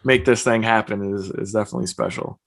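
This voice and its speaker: A man's voice: lowish voice, fast talker. A young man, a guest on a podcast, who talks in a loose, chatty way and fills his speech with "like.". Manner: relaxed, chatty, uses lots of fillers like "like". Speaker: podcast guest, streamer and personal trainer. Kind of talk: casual interview chat. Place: home, evening.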